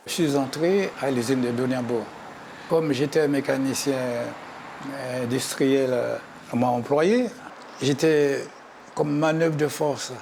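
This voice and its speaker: An older man giving personal testimony in halting, short phrases. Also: medium pitch, fairly even intonation, darkish tone. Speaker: interviewee, former factory worker. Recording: clearly noisy location sound.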